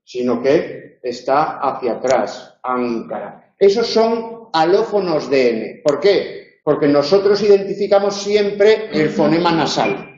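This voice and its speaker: Man, university lecturer, explanatory, slightly high voice, echoey lo-fi recording. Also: animated, darkish tone. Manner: explanatory, demonstrates sounds slowly. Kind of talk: online tutoring lecture. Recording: roomy, dull lo-fi sound.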